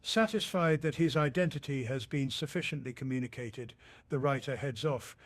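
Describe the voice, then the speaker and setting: A man narrating a mock documentary in a measured, deadpan, formal manner, as if observing wildlife. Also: medium pitch.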